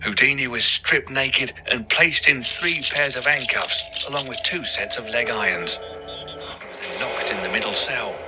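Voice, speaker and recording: A man's voice: fairly low pitch, rough recording. A man narrating a scripted audio ghost tour as the guide, with theatrical, ominous storytelling over music.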